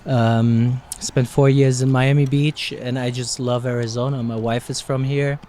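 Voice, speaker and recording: A man from Germany speaks in an easy, friendly way at a middle pitch. A light hiss sits behind his voice. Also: level tone, a little slow, warm tone. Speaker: restaurant co-owner. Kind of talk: casual interview.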